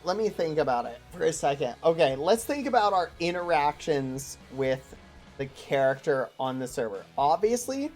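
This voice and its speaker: A livestreamer chatting casually with viewers, with an excitable, gushing way of greeting people. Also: mid-range voice, normal speed, faint music behind.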